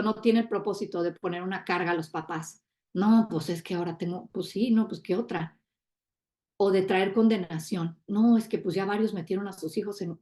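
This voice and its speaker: Middle-aged woman, guest preacher, earnest and exclamatory, mid pitch, roomy echo. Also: darkish tone. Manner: earnest, exclamatory, quotes others in asides. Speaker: guest speaker.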